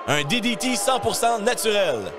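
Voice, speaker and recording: A man with a Quebec French accent calling live wrestling play-by-play as an excited commentator who often shouts and exclaims. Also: high voice, normal speed, over music. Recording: live event with crowd noise.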